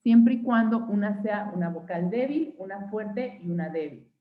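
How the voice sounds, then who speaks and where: A woman's voice: mid-range voice, lively intonation, moderate pace. A young Mexican woman teaching an online phonetics class, patiently spelling out examples and checking in with her students every few sentences. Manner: checks in with frequent "¿sí?" and "¿va?". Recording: tinny phone-like line.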